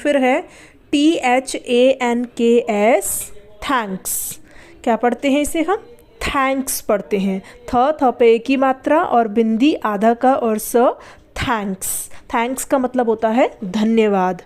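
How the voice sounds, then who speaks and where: A young woman teaching a beginner English lesson, spelling each word out slowly and answering her own questions. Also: fairly high pitch, a little mellow. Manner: patient, spells words letter by letter, asks and answers own questions. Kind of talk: spoken language lesson.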